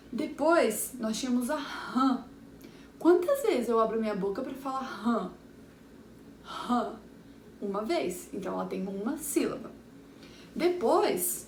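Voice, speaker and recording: A woman's voice: on the high side, a little mellow. A Brazilian woman, a primary school teacher, reviewing a lesson for young children and sounding out words syllable by syllable. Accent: Brazilian Portuguese. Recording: echoey room, far from the mic, faint background hum.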